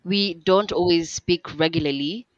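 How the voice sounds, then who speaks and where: A young woman in her twenties appears as a guest on a casual podcast interview, chatting and rambling with lots of fillers and restarts. Her voice is on the low side with a measured pace. The recording is dry, dull and lo-fi.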